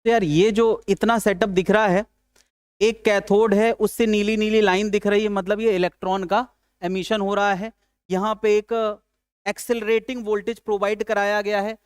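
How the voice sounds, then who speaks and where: In a dry recording with clean studio sound, a man with a high, smooth voice teaches physics in a flat delivery at moderate pace. Despite that, he's chatty and joking, calling students "yaar" and answering his own questions.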